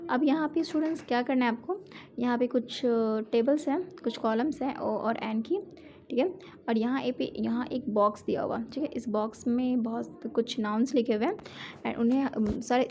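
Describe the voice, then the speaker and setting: High-voiced Indian woman teaching a class. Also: darkish tone, a little hiss or hum. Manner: mixes explanation with repeated questions to the class. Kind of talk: explaining a lesson to students.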